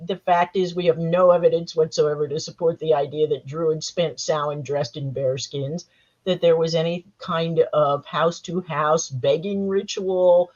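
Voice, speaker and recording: A woman with a slightly hoarse voice from a cold, leading a panel discussion in a chatty, wry lecturing manner. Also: low voice, a little mellow, highs cut off. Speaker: panel moderator and Halloween historian. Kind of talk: panel discussion on a live stream.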